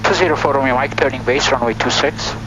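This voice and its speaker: A man's voice: medium pitch, fast talker. A man piloting a small plane, talking himself through each step and making radio calls. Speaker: student pilot flying solo. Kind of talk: cockpit self-narration with radio calls. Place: small plane cockpit in flight. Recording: dull cockpit audio, clear engine noise.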